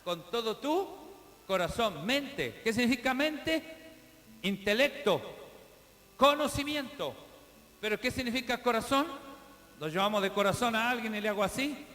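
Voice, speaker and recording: An older man preaches a fervent sermon in a very high voice, stacking up repeated phrases and calling out to the congregation. His tone is sharp and forceful, and it rings out with a long reverb through a church hall. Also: animated, normal speed, pauses often. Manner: fervent, repetitive, calls out to the congregation.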